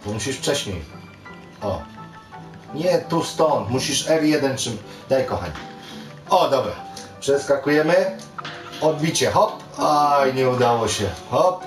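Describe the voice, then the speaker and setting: A man's voice: medium pitch, a little slow, long pauses. A father reads a video game's story aloud to his son, stumbling and correcting himself, then coaches him through the controls. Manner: reads aloud with stumbles and self-corrections, animated on quoted lines. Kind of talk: reading game story aloud and coaching gameplay. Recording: roomy, distant mic, game music behind. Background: video game music.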